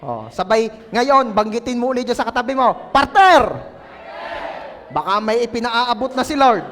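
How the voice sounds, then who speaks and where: Pastor guy with a very high voice, playful sermon, long church hall echo. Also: expressive, brisk, fairly bright tone, a faint crowd. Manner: playful, coaxing the congregation to respond.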